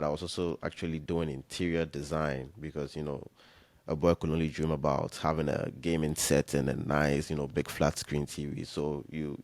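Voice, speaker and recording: A young man from Ghana, a guest on an interview podcast, telling his story in a relaxed, rambling way with many fillers and restarts. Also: a bass voice, no room sound. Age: young adult. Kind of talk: casual interview chat.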